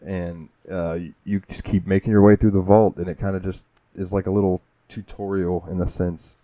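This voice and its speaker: Low, mellow-voiced podcast host. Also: male voice, level tone, normal speed, no echo. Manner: rambling, profane storytelling. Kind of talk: casual gaming podcast chat.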